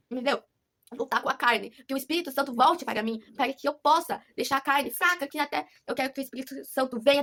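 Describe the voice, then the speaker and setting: A woman's voice: high-pitched, fairly bright tone. A woman with a Brazilian Portuguese accent, telling a personal story in a rambling, earnest vlog with many restarts. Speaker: vlogger. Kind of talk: casual confessional vlog.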